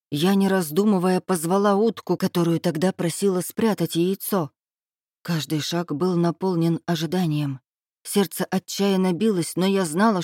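A woman reading a first-person story aloud as an audiobook narrator, even and measured. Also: lowish voice, dry recording, clean studio sound.

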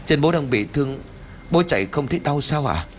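A man's voice: fairly high pitch, animated, a little fast, a little hiss or hum, voice pushed up, close to an everyday voice. A man voicing a worried grown son who speaks urgently and anxiously in a horror audiobook.

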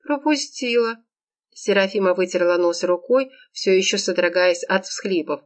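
A woman reading an audiobook, narrating a comic romance in a lively, expressive way. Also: fairly low pitch, normal speed. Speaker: audiobook reader. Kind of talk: scripted narration.

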